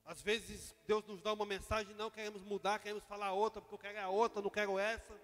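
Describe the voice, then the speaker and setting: Brazilian male pastor, impassioned sermon, high voice, echoing hall with soft music underneath. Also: level tone, fast. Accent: Brazilian Portuguese. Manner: impassioned preaching, swings from loud to quiet. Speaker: vice-pastor.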